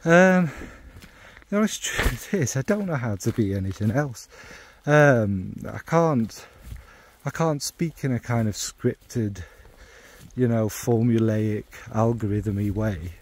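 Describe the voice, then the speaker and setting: Out on a rainy dog walk, a man who makes fragrance videos chats about his hobby, thinking aloud and wryly second-guessing himself as he rambles. He speaks slowly in an animated, mid-range voice.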